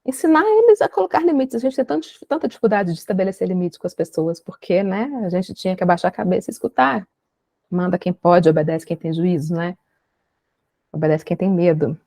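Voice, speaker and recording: A woman's voice: lowish voice, a little fast, dark tone, no echo. Brazilian woman chatting on a podcast, thoughtful, keeps asking "right?", dry sound. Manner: reflective, emphatic, uses many tag questions. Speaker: guest, parenting educator. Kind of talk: conversational podcast interview.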